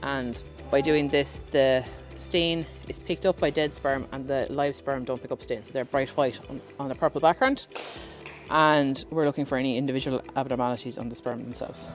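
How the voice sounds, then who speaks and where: A woman's voice: rumbling low, fairly even intonation, normal speed, soft background music. A woman with an Irish accent, a farm vet explaining a procedure step by step.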